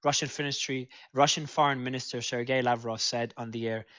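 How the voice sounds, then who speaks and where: Halting male host, dull lo-fi audio. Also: medium pitch, fairly even intonation, a bit bright. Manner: halting, many fillers and restarts. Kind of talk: live news panel discussion.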